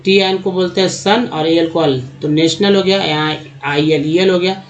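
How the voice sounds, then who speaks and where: A man's voice: sits high, fairly even intonation, normal speed. A man teaching English reading in a Hindi-language phonics lesson, steadily spelling out letter groups and repeating their sounds. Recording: dull lo-fi recording.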